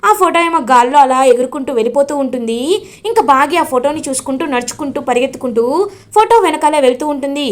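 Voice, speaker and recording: A woman retells a television serial episode scene by scene in a lively, flowing storyteller voice. Her voice sits high. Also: fast.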